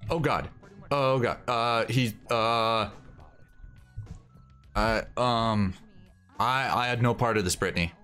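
A man's voice: fairly low pitch, sharp tone, echoey room. A young man giving jokey, swearing let's-play commentary on a party game, teasing in mock bro talk. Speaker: gaming channel host.

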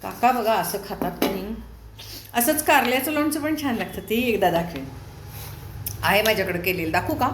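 A woman's voice: mid-range voice, expressive, moderate pace, noisy background. A middle-aged woman chatting casually with her viewers while she cooks at home, teasing them as she goes. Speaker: cooking vlogger. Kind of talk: casual chat while cooking. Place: home kitchen. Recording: echoey kitchen with dish clatter.

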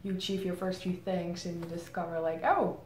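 Woman, 30s, lowish voice, thoughtful interview answers with pauses, faint room hiss. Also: flat delivery, darkish tone. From Czech Republic. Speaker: marketing head interviewed as guest. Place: indoor room against a plain grey backdrop. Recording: roomy echo, faint ambient noise.

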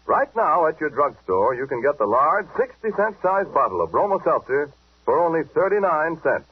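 Chummy 1940s radio announcer, husky and tinny. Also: male voice, fairly high pitch, sing-song, normal speed. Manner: chummy, persuasive salesman patter. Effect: old 1940s radio broadcast sound. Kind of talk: 1940s radio commercial pitch. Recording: tinny, phone-narrow 1940s radio recording.

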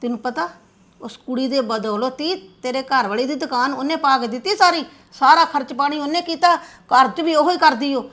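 A middle-aged woman playing a mother who scolds her daughter-in-law in an amateur family drama, with a high voice. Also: normal speed, a bit bright. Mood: questioning. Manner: firm, reproachful. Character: firm mother-in-law who takes no sides.

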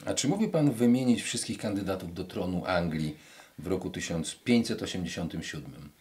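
A man's voice: low-pitched, lively intonation, normal speed, a little mellow. A man in his fifties, the interviewer, putting formal prepared questions in a studio room. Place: wood-panelled studio room with brick wall.

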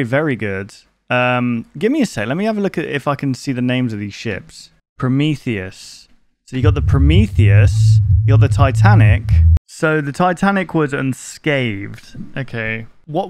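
A twenty-something YouTube host records casual reaction commentary indoors in his bedroom, close to a desk microphone. His mid-range voice comes through with no room sound.

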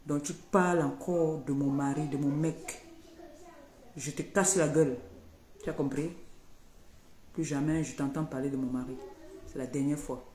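A woman's voice: low voice, mellow. A woman ranting on her live stream to her followers, confrontational and threatening, repeating her warnings over and over. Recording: echoey room, faint background noise.

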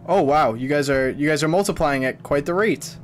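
Speaking a bit fast in a slightly high voice, a man in his twenties offers casual, tongue-in-cheek commentary on a horror game to his viewers. Game music plays in the small room he streams from.

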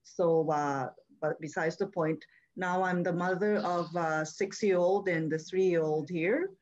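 A mother from Japan with a Japanese accent, speaking hesitantly on a video call with many pauses. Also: lowish voice, steady tone, darkish tone. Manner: hesitant, many uhs, careful phrasing. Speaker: audience member, mother. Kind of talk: casual comment on a video call. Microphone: video call webcam. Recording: dull lo-fi call audio.

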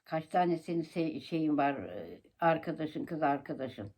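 A chatty grandmother in her seventies makes prank calls, talking casually in a colloquial way. Her voice sits low and has a husky, darkish tone, with lively intonation and a slightly slow delivery.

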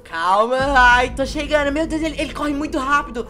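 A man's voice: extremely high pitch, fairly quick, sharp tone. A young man with a Brazilian Portuguese accent hosting a gameplay video, talking in a playful, scheming, giggly way. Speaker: gaming YouTuber host. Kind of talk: casual gameplay commentary. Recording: background music under voice.

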